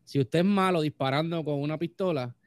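A man's voice: on the high side, a little fast, no room sound, studio quality. A man on a podcast, explaining points in a firm, instructive way. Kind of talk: casual podcast chat.

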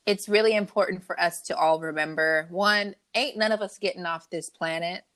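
A woman's voice: on the low side, steady tone, moderate pace, a bit bright. A woman co-hosting a podcast in brash, profane, playful casual chat. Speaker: podcast co-host.

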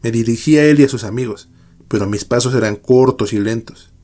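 A man narrating a first-person horror story in a measured, dramatic way. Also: medium pitch, mellow.

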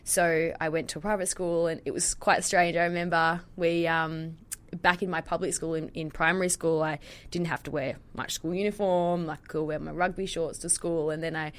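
Low-voiced Australian woman, chatty. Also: flat delivery, moderate pace, fairly bright tone. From Tasmania, Australia. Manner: chatty, frequent ums. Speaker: guest dietitian. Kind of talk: casual interview.

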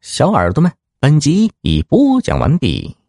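A man's voice: unhurried, no echo, clean studio sound. A man telling a martial-arts story to children, narrating dramatically. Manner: dramatic, highly animated narration.

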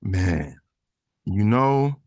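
A voice actor and artist guesting on a podcast rambles through his answers in an informal, slangy way. His lowish, darkish voice is sing-song with drawn-out words, captured in clean studio sound with no room sound.

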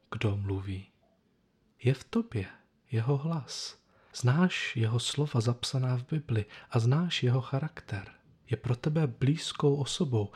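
A man preaching a sermon in a reflective, measured way, pausing between phrases. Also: mid-range voice, darkish tone, husky. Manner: reflective, measured delivery with pauses.

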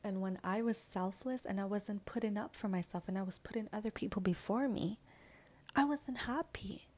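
A woman's voice: medium pitch, moderate pace, darkish tone. A young woman vlogger telling a personal story to her viewers in a sassy, casual way, full of slang, swearing and filler words.

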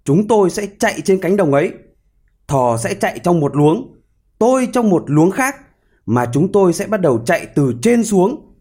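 A man's voice: high voice, sing-song, moderate pace, mellow, breathy edge, pitched above the performer's own voice, heavily acted. A man doing a clever scheming hedgehog. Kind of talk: storybook character voice.

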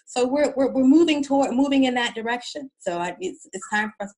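A woman's voice: high voice, animated, a little fast, darkish tone, rough recording. A woman from the East Coast, telling her story as an interview guest, reflective and often repeating words as she searches for them.

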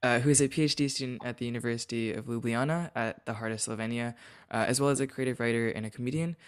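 A man's voice: mid-range voice, fairly even intonation, fast, smooth. A man speaking as a podcast host, interviewing a guest in a conversational style.

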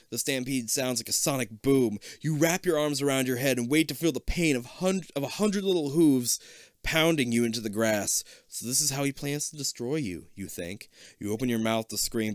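A man's voice: mid-range voice, no room sound, studio quality. Casual man reading a gamebook aloud. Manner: casual, with joking asides. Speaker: reader.

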